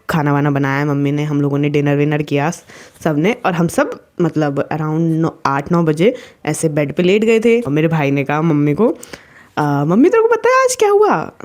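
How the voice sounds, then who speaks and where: A woman's voice: low voice, a little mellow. A young woman telling a personal story in a casual, chatty way, mixing in English words as she talks. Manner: chatty, mixes in English words, frequent restarts. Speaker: vlogger.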